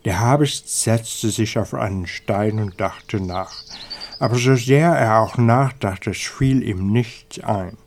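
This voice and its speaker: Low-voiced man reading a fairy tale, slow and measured, faint hiss behind. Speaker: storyteller. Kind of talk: storybook reading.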